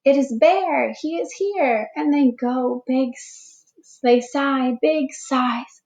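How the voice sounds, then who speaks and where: Slow, expressive teacher reading aloud. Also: female voice, sits high. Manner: slow, expressive storybook reading with character voices. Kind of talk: read-aloud storytime for children.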